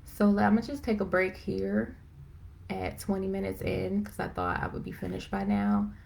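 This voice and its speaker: A woman hosting a live stream, chatting casually and excitedly with lots of fillers, rambling as she goes. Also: mid-range voice, vocal fry. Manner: excited, self-described as talking fast. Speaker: host of a live video chat. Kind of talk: casual faith-based chat. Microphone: phone or computer for a live stream.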